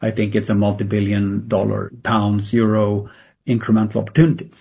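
A Swedish tech entrepreneur, a non-native speaker with a Swedish accent, answers an interviewer as a guest in a reflective, candid, conversational way. His fairly low voice is raspy with vocal fry, stays fairly flat, and moves at a brisk pace. The audio sounds slightly dull.

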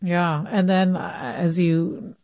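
A woman hosting a radio talk show, brisk and polite as she takes calls. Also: on the low side, fairly even intonation, a little mellow, lo-fi sound. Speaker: radio host.

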